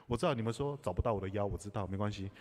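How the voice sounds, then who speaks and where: A man's voice: on the low side, rapid-fire, a little mellow. A man preaching a sermon, telling personal stories with humor and asides to the congregation. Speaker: pastor. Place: church sanctuary. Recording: live church hall reverb.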